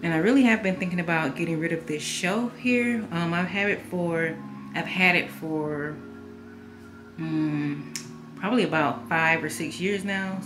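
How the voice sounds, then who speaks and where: Low-voiced young woman giving a home tour. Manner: rambling, filler-heavy, self-correcting. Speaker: home vlogger. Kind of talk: casual home tour narration. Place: small apartment, indoors.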